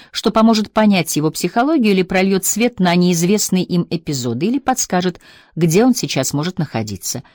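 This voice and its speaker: Brief: female audiobook narrator, lower pitch, steady measured delivery. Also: no echo, clean studio sound. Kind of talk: scripted narration.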